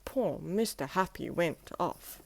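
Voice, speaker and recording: A woman reading a children's story aloud in a gentle, expressive storytelling way. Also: on the low side, slow, creaky, slight background noise.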